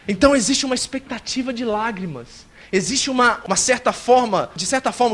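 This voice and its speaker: A man preaching a sermon as a pastor, swinging between soft, close passages and loud, emphatic lines, and acting out a worshipper's complaints. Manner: acts out a worshipper's complaints in a high whiny voice.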